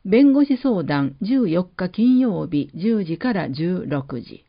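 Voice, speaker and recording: Slow, deliberate woman announcer. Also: lowish voice, very animated. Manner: slow, measured, carefully enunciated list reading. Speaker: announcer reading municipal notices. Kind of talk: scripted public-service announcement reading. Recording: dull lo-fi recording.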